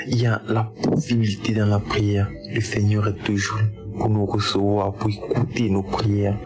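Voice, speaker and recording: A man with a low voice gives an earnest religious testimony. His delivery stays flat and level, circling back to the same phrases again and again. Faint music plays underneath. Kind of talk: spoken testimony.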